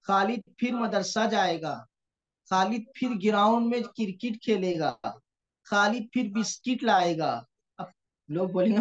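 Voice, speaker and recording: A man teaching an online grammar lesson, explaining patiently and often checking in with his students, over a computer mic on a video call. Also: sits high. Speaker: Quranic Arabic teacher. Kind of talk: online class lecture. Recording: dull lo-fi online class audio.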